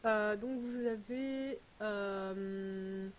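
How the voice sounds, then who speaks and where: A woman's voice: medium pitch, extremely slow, slight background noise. A woman vlogger chatting casually while unboxing a parcel, rambling and full of hesitations. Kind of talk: casual chat.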